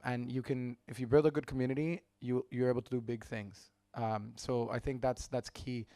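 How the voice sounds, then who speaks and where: A man's voice: mid-range voice, warm tone, clear, resonant tone, no room sound, clean studio sound. A man in his thirties from El Salvador, an engineer and mentor speaking on a conference panel, rambling and enthusiastic. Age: 30s. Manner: rambling and enthusiastic, many restarts and "like"s.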